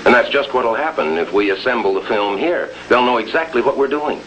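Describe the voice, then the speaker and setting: An American actor playing a watchful undercover agent in a 1950s television crime drama, speaking in a clipped, grave way. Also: male voice, mid-range voice, animated, brisk, fairly bright tone, natural voice. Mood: firm, persuasive. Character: tense, watchful male undercover agent in his prime. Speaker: lead actor and voice-over narrator. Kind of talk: 1950s television crime drama acting and terse voice-over narration. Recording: muffled, noisy 1950s television film soundtrack.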